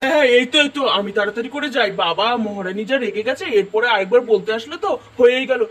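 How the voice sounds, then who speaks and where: A woman's voice: a little high, very fast, distant mic, voice pushed down, close to an everyday voice. A flustered, henpecked husband voiced by a woman who rattles off his words at breakneck speed. He keeps placating and scrambling to keep up, and the voice sits a little away from the microphone in a toy-house storybook video. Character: hurried, henpecked middle-aged husband.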